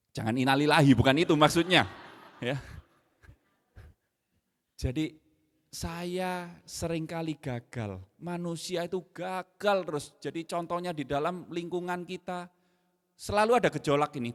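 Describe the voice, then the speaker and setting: A middle-aged man preaching a sermon in an animated way, dropping in slang. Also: a little high. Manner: animated, mixes in Javanese slang, acts out his own scolding. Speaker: pastor. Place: church hall. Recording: long hall reverb.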